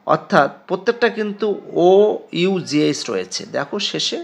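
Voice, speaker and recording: A male teacher with a Bengali accent walks students through English pronunciation, stressing each word slowly and emphatically. His voice is gravelly and somewhat high, and his pitch rises and falls a great deal. He talks at a slow, careful pace. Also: very animated. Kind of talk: classroom lesson explaining English pronunciation.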